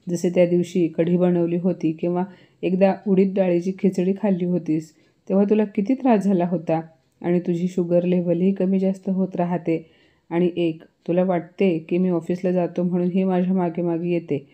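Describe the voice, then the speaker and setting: A woman voicing a grown son who calmly stands up for his wife in a storybook reading. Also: on the low side, dull audio, natural voice.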